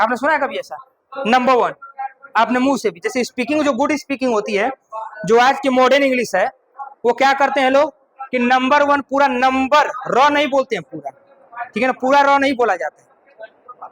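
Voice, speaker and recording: A man gives a classroom grammar lecture in a very high voice. His tone is bright and sharp. He repeats each point and keeps asking the class whether it is clear. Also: rough recording. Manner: asks the class questions and answers them himself; slows down to recite a couplet. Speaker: English grammar teacher.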